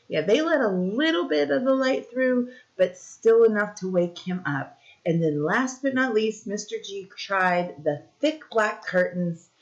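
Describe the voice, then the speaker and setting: Reading a picture book to young children, a teacher with a slightly low voice uses simple explanations and pauses often to ask questions. The audio is somewhat dull and lo-fi.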